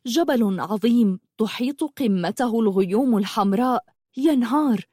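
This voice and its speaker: A woman narrating a fantasy story in an expressive reading style. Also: a little high, normal speed, slightly rough, dry recording.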